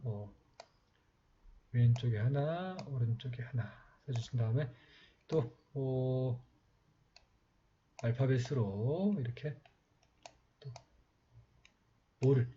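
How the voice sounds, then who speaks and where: A man giving a slow, patient step-by-step writing lesson, talking while he writes, with many pauses. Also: mid-range voice. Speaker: calligraphy teacher. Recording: slightly dull lo-fi sound with faint noise.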